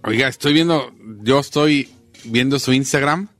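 A man's voice: medium pitch, normal speed, fairly bright tone, no room sound, faint music behind. A man co-hosting a radio show, joking and slangy. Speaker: radio co-host.

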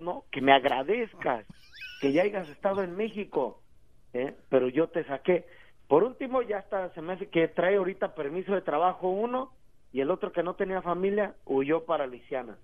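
A man with a Mexican accent phones in to a radio show and tells a long, slangy story that keeps wandering off. His voice sits a little high. It comes through a thin, tinny phone line. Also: moderate pace. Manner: rambling, animated storyteller, slangy. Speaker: caller. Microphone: telephone.

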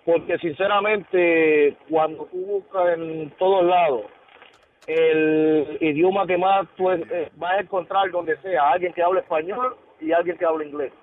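A man's voice: a little high, fairly even intonation, a little slow. A man who drives trucks calling in to a radio show, talking in an easygoing, rambling way. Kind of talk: casual call-in chat. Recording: distant tinny phone line.

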